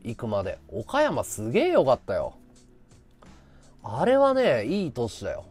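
A man's voice: medium pitch, huge pitch swings, normal speed, a little mellow, breathy edge, faint music behind. A man from Chiba chatting casually with his live-stream viewers, rambling and laughing at his own stories. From Chiba, Japan.

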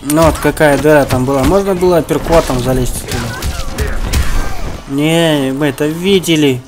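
A gamer commentates his own online fighting-game matches, muttering running remarks at his opponent in a somewhat high voice at a moderate pace. Fighting game music and sound effects play behind him.

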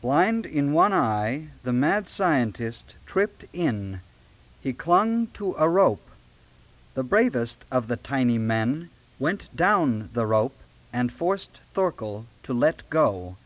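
Narrating a kids' read-along tape from the late 1970s, a man tells the story in a measured, deliberate way with dramatic stresses. His medium-pitched delivery is sing-song, and the low-quality recording has no room sound.

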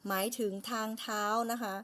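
A woman teaching phonics, patiently spelling letters one by one and repeating words slowly. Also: a bit bright. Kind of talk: slow spelling and pronunciation lesson.

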